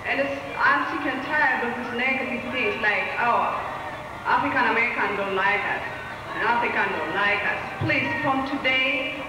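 At a rally, a community speaker who is not a native English speaker gives an earnest, pleading, impassioned speech from a podium in a large hall. Her voice is on the high side at normal speed, with music behind her. A far-off camera captures the podium mic, so the hall sounds echoey and distant.

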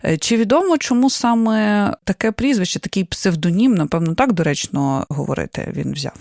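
Female radio host, fluent inquisitive questions, mid pitch, dry studio. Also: lively intonation, brisk, vocal fry, a little mellow, no echo. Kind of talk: radio interview.

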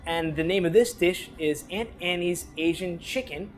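A man in his thirties hosting a cooking show in a restaurant kitchen, energetic and joking. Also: sits high, normal speed. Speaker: host. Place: large restaurant kitchen, indoors. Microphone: lapel mic. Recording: music bed under the voice. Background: music.

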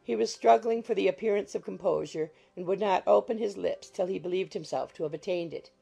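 A woman narrates literary fiction in a heavily creaky, soft-toned voice. It is husky and measured as storytelling, a scripted audiobook read. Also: mid-range voice, soft background music.

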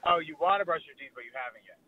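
A man's voice: on the high side, racing, a crowd in the background. A man talking casually over a speakerphone call, playful and laughing easily. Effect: heard over a phone call on speakerphone. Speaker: prank call target. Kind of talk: casual phone chat. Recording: dull lo-fi phone line.

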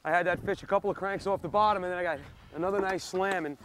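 A man fishing from an open boat at sea, enthusiastic and excitable as he reels in fish. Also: high-pitched, very fast, slight background noise. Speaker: co-host angler. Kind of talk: outdoor fishing show banter.

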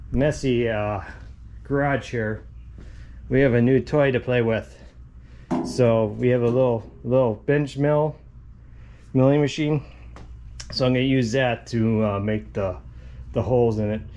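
A DIY channel host in his fifties runs a casual vlog from his driveway and garage workshop, chatting and rambling and often saying "guys." His voice is medium-pitched and a little mellow, with a little hiss or hum.

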